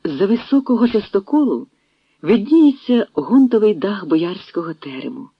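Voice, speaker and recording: A narrator reading a historical story as an audiobook, in an expressive storytelling manner. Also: medium pitch, normal speed, husky, no echo. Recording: dry, dull lo-fi sound.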